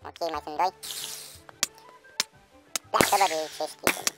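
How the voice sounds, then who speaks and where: Excitable young man doing game commentary. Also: on the high side, poor audio. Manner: excitable, swears and yells at enemies. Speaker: gaming channel host. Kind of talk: let's-play gameplay commentary. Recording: loud game music behind the voice.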